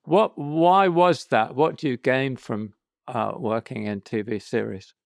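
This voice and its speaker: A man's voice: medium pitch, measured pace, vocal fry, dry recording, studio quality. Curious man hosting an interview. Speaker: podcast host. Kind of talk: casual interview chat.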